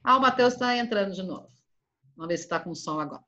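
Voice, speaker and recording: A middle-aged woman teaching Portuguese in an online class, drilling verb conjugations, calling on students by name and praising them briskly. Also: medium pitch, animated, a bit bright, slight background noise. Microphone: video call. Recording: dull, lo-fi video call audio.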